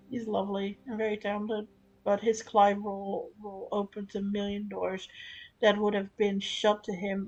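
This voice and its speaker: A woman's voice: medium pitch, muffled recording. A woman streamer chatting frankly and casually while she plays, swearing now and then and often restarting her sentences. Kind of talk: casual live-stream chat while gaming.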